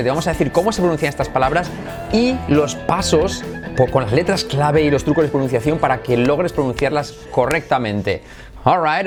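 A young man whose first language is Spanish, teaching English pronunciation in a lively online lesson and drilling sounds by repeating them. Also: a little high.

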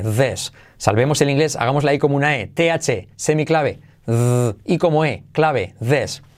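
A man whose first language is Spanish, teaching English pronunciation and slowing down to model short phrases for repetition. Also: medium pitch. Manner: slows down to model English phrases, repeats drills. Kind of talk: pronunciation lesson.

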